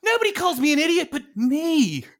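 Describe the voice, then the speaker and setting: A woman voicing an excitable, confused winged male hero who exclaims indignantly in a tabletop game. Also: sits high, fairly quick, pitched above the performer's own voice. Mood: bewildered.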